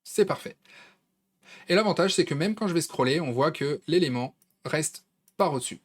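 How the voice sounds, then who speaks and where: A man's voice: fairly high pitch, lively intonation, moderate pace, husky. A man with a French accent walking viewers through a design tool in a casual, conversational screen-recorded tutorial, with plenty of fillers. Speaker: tutorial host.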